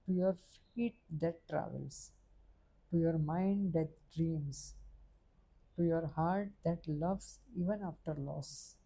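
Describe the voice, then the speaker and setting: Lady doing guided meditation, super slow, lowish gentle voice. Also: creaky, slightly rough, poor audio. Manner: soft, gentle, unhurried delivery.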